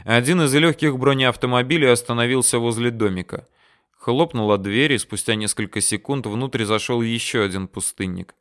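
Brief: male narrator, resonant clear voice, steady first-person audiobook reading. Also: mid-range voice, moderate pace.

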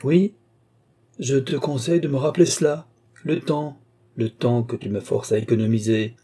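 An ancient male alchemist, bitter and furious, hurls insults at his pupil in a high, strained voice that spikes upward with every outburst, as a male narrator puts him on. Under the shrillness sits a dark, husky grain. It is a storybook reading. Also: normal speed. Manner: shrill ranting invective.

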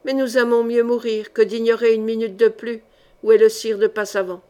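A woman's voice: fairly high pitch, level tone, moderate pace, dark tone, smooth, lightly acted. A woman reading the part of a nobleman whose teeth chatter with terror, in an audiobook. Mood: terrified. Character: terrified murderous nobleman, Hoquetonville.

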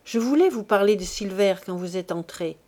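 A woman reading the lines of a calm, grave young male doctor. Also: mid-range voice, normal speed, lightly acted.

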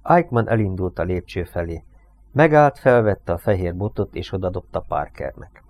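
A man reading a crime novel aloud as an audiobook in measured storytelling fashion, raising his voice for shouted dialogue. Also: deep voice, lively intonation. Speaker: audiobook reader.

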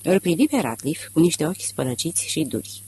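A man reading a literary audiobook aloud in a measured, expressive narration. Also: fairly high pitch, a little hiss or hum. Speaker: audiobook reader.

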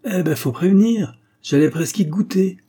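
A man's voice: high voice, expressive, moderate pace, warm tone, slightly rough, pitched above the performer's own voice. A man voicing a big, wary, clumsy young man who jokes in slang. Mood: sheepish. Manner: slangy, sheepish.

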